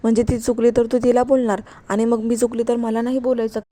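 Gentle middle aged mom pleading with her son, woman reads it, soft mellow tone. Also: fairly high pitch, little pitch movement, fast talker, lightly acted. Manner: soothing and pleading.

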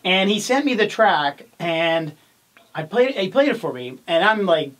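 A man's voice: high-pitched, big pitch swings, unhurried, fairly bright tone. A man hosting an interview, casual and enthusiastic, affirming his guest and speaking frankly. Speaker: interview host.

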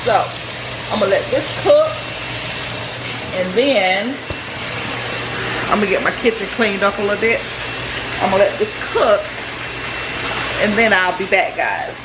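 A woman in her thirties talks her viewers through a home cooking vlog in a relaxed, chatty way. Her voice sits at an ordinary middle pitch. The camera sits on the counter across her kitchen, and loud background noise runs under her voice. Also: a little slow, pauses often. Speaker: vlogger cooking with her daughter. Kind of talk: casual cooking vlog chat.

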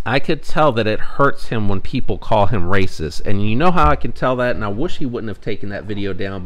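A man's voice: sits low, a bit bright. A middle-aged American man giving earnest, reflective casual commentary as a channel host, with frequent ums and restarts. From United States. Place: indoors at a table with knives laid out.

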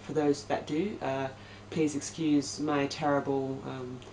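A woman's voice: rumbling low, level tone, measured pace, a little mellow, slight background noise. A young woman from Australia chatting to her camera at home, hesitant and full of ums. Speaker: vlogger. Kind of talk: casual chat to camera. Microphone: camera mic. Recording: echoey room, mic at a distance.

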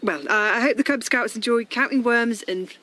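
A woman's voice: on the high side, normal speed, sharp tone. A guarded, curt mother. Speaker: Pip, a mother. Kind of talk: radio drama acting.

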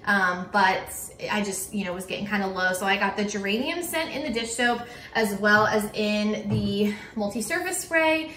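Young female home vlogger, casual and chatty, mid pitch, roomy sound. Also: animated, moderate pace, pushed and bright, distant mic, slight background noise. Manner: chatty, with frequent "um" and "like". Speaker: cleaning vlogger and teacher. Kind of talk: casual chat to camera. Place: kitchen table at home, indoors.

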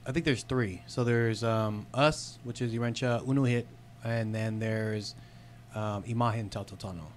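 A man in his thirties, a podcast guest from San Diego, talking about his life in a relaxed, unhurried way with fillers, into a studio mic. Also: on the low side, slight background noise. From San Diego, California. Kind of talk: casual podcast chat. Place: small studio with red curtains. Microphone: studio mic on boom arm, headphones.

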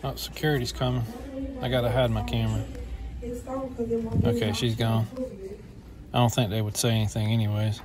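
A man's voice: fairly low pitch, fairly even intonation, fairly quick, pauses often, a crowd in the background. A middle-aged man walking through an indoor shopping mall with a handheld phone, complaining bluntly as he films. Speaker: vlogger. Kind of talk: walking mall tour vlog.

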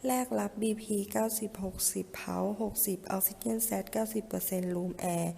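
A woman's voice: medium pitch, steady tone, fairly quick, creaky, dark tone, slightly rough, long reverb tail. A woman on an ambulance crew reporting over a walkie-talkie in a training drill, using clipped radio call-signs and codes and reading out vital signs steadily.

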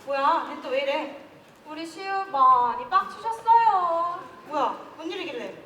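A woman's voice: high-pitched, a little fast, a bit bright. A teenage girl in a school play, acting an outspoken schoolgirl who teases her friends. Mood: teasing. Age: teens. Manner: brash, teasing. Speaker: student actor in a school play. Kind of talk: amateur stage acting. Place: school auditorium stage. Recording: hall reverb, far mic, crowd and noise.

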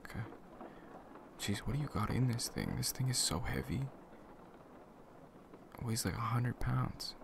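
A young man acting as a laid-back, caring best friend in a casual, intimate ASMR boyfriend role-play, murmuring conversationally with a gravelly voice. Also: mid-range voice, sing-song, unhurried, long pauses. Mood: playfully grumbling. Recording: clear background noise, ambient sound.

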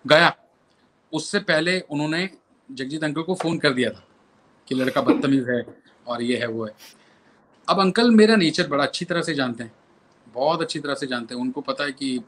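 A man's voice: on the high side, expressive, normal speed, long pauses, fairly bright tone, slight background noise. A male violinist and composer telling anecdotes as an interview guest, repeating phrases for emphasis.

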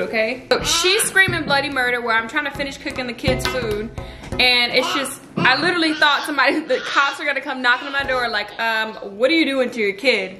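A woman, a stay-at-home mom, chatting candidly to camera in her home kitchen with lots of slang and laughter. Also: sits high. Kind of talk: casual vlog chat to camera.

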